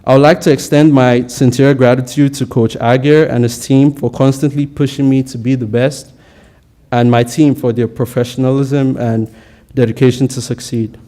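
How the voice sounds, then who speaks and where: A man's voice: medium pitch, flat delivery, warm tone. Earnest young man giving a graduation speech. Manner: earnest, measured delivery with stumbles on words. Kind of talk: prepared commencement speech.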